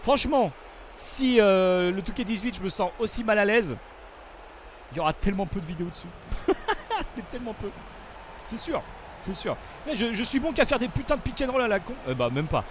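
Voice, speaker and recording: A man giving gameplay commentary as a video host, animated, often swearing and yelling in frustration. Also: high-pitched, a little fast, noisy background.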